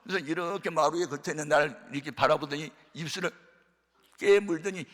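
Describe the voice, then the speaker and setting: A man preaching as a pastor, telling a testimony sermon with dramatic storytelling, acting out voices and shouting at the peaks. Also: fairly high pitch, fast. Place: church hall of a prayer retreat. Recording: reverberant large hall.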